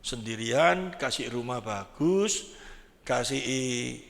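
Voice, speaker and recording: A man with a Surabaya Javanese accent preaching a lively sermon as pastor, acting out family talk in other voices. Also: mid-range voice, takes it slowly, gravelly. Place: large church hall. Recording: long church hall reverb.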